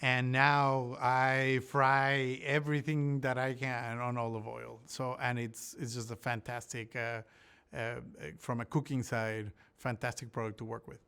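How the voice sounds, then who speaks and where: Man from Ecuador, smooth voice, halting. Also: mid-range voice, little pitch movement, bright, forceful tone. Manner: thoughtful, many restarts and fillers. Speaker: olive researcher. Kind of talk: interview answers.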